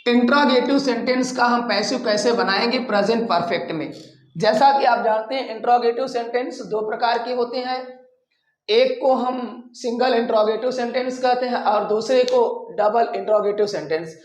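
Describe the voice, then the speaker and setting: His pitch extremely high and his pace moderate, the man gives a repetitive, instructive grammar lesson in classroom style, addressing viewers as friends and repeating key terms, in an echoey room.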